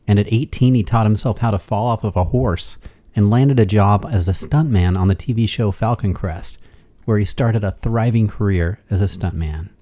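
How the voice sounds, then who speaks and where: A man reading scripted documentary narration in a measured, unhurried way. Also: on the low side, dark tone.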